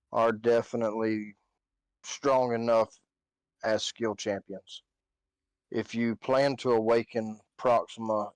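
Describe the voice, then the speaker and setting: A man in a casual game-stream chat, talking haltingly and searching for his words. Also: medium pitch, clean tone, dry recording, rough recording. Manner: slow, hesitant, searches for words. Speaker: guest co-streamer.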